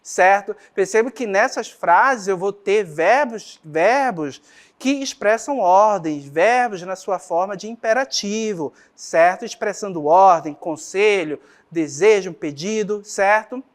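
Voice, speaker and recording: A woman's voice: mid-range voice, a little slow. A woman teacher with a Brazilian Portuguese accent giving a grammar lesson, explaining patiently and checking in with the class often.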